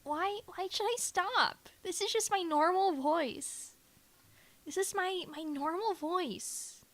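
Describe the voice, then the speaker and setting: A woman streamer putting on an exaggerated, higher, sweeter voice and insisting in mock innocence that it is her normal one. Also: slow, fairly bright tone, heavily acted. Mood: mock innocent.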